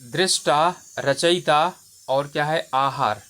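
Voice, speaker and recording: Male exam tutor with a slightly high voice; steady step-by-step walkthrough of answers, repeats key words. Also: slow. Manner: explains step by step, repeats words and says "theek hai" often.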